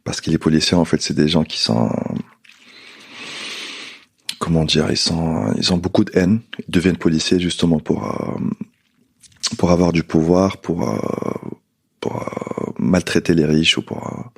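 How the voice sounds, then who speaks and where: A man, a podcast guest speaking casually and haltingly, often restarting and repeating words. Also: sits low, vocal fry, husky. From Tunisia. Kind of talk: casual conversation.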